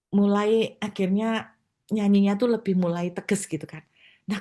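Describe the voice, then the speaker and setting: Animated woman pastor. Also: medium pitch. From Surabaya, Indonesia. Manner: animated, acts out voices. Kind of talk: storytelling sermon.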